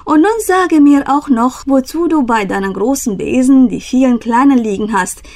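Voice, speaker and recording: Woman reading as kindly winter spirit lady, storybook, high lilting voice, friendly, insistent. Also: expressive, moderate pace. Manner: friendly, persistent, high and bright. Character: kindly commanding female winter spirit, elder.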